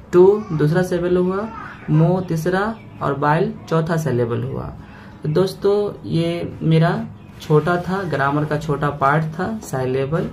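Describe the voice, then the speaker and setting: A man teaching a grammar lesson. He breaks words into parts slowly and keeps checking in with "okay" after each point. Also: a little high, a little mellow, a little hiss or hum.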